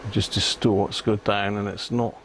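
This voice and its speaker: Hosting a live repair stream, this British man speaks at a normal pace in a lowish, flat, slightly bright voice, with a little hiss or hum in the audio. His casual bench commentary is half muttered to himself and often ends in tag questions.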